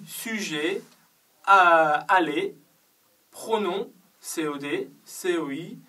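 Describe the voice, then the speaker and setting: A man teaching French grammar in a deliberate, step-by-step way, drilling conjugations one by one. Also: a little high, bright, forceful tone, distant mic, low-quality recording. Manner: deliberate, repeats conjugations in careful steps. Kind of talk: slow grammar lesson with drilled examples.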